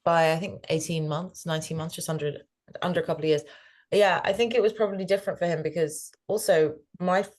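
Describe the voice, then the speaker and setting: Low-voiced thoughtful woman guest. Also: steady tone, fast talker. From grew up between the US and the UK. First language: Farsi. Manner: thoughtful, self-correcting. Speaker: guest, behaviour change specialist. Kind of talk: conversational interview answers.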